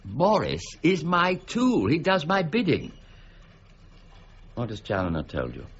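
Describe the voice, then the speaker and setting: An actor playing Isaac Newton as a proud, stern, middle-aged official in a period radio drama, speaking with emphatic, deliberate authority. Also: male voice, a little high, huge pitch swings, breathy edge, highs cut off, exaggerated voice. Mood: guarded.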